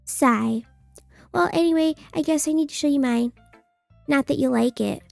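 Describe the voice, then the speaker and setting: Woman putting on a high, bratty anime schoolgirl. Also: moderate pace, creaky, darkish tone, no room sound, soft background music. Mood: huffy, dismissive. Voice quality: cutesy, annoying anime-girl voice.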